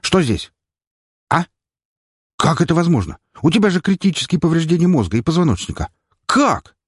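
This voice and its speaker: A man's voice: fairly quick, breathy edge, dry recording, clean studio sound. A man voicing a flustered, evasive middle-aged male doctor who speaks in a nervous, raised voice. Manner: nervous, high-pitched and excited.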